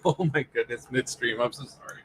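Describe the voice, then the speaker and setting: A man co-hosting a casual reaction chat over a video call, easygoing, with lots of fillers and quick laughs. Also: mid-range voice, fairly bright tone, slight background noise. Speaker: co-host.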